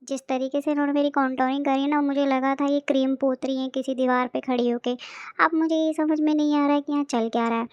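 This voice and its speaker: Brief: young woman vlogger, mocking running commentary, high even voice, dry close sound. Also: fast talker, no room sound, muffled recording. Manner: sarcastic, exasperated storytelling. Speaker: beauty vlogger. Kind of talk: comic voice-over commentary.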